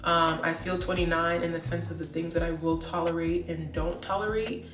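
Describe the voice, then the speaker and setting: This vlogger, a woman in her late twenties, rambles at normal speed with a fairly low, fairly even voice, dropping in lots of "like" fillers and restarting sentences. The mic sits far from her in an echoey room with faint music playing.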